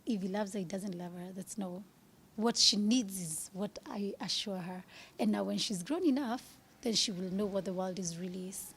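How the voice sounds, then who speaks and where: Husky woman, candid and earnest. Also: mid-range voice, normal speed. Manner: earnest, drops to a whisper at times. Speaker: interview guest. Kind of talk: candid interview chat.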